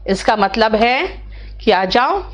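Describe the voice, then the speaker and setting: A woman's voice: fairly high pitch, lively intonation, slow. A middle-aged woman, teaching vocabulary in an online class and coaxing her students step by step. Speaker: English teacher.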